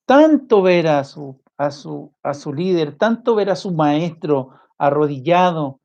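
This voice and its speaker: A man preaching a sermon with passion, firing off rhetorical questions and swinging his voice high and low. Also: expressive, measured pace. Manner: impassioned, rhetorical questions, big swings in pitch and loudness. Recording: muffled lo-fi recording.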